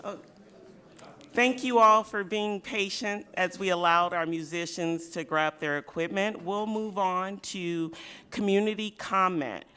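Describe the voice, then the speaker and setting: A woman chairing a school board meeting, reading procedures politely and apologizing quickly. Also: medium pitch, sharp tone, clear, resonant tone. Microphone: table microphone. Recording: noisy meeting-room audio.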